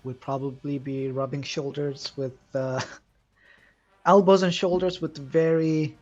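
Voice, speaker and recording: A man's voice: on the high side, fairly even intonation, takes it slowly, darkish tone, soft background music. A man chatting casually as a player in a tabletop role-playing game. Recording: dull, lo-fi mic.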